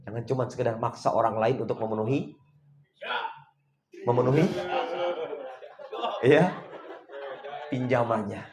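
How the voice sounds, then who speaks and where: A middle-aged man giving a motivational seminar talk, animated, swinging between loud and hushed, often chuckling. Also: mid-range voice, a little slow, pauses often, crowd noise. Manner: chuckles often while telling stories. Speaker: motivational coach.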